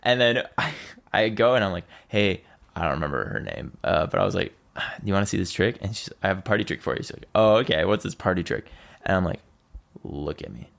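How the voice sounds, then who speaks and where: Very fast and full of lively intonation, this young man's low, gravelly voice has a fairly bright tone. Chatting as a podcast guest, he tells a casual personal story, saying "like" a lot and performing the lines others spoke.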